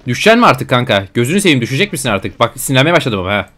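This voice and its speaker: A young man talks through a strategy game at a quick clip in a casual, slangy way. His voice sits in an ordinary middle pitch, and he keeps grumbling in exasperation at the game. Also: sing-song, bright, forceful tone. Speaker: gaming YouTuber. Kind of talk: casual let's-play commentary.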